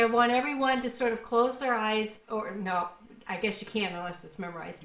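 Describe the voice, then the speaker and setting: A woman's voice: a little high, a bit bright, echoey room, poor audio. A woman co-leading a songwriting workshop over a video call, guiding the group step by step in an upbeat way.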